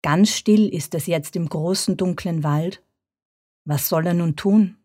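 A woman narrating a children's bedtime story in a calm, measured way. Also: lowish voice, husky, no echo, studio quality.

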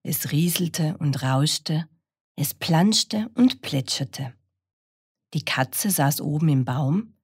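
A woman reads a children's picture book aloud in a low, unhurried voice. Her pitch rises and falls freely in an expressive storytelling way. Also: husky, dry recording, clean studio sound.

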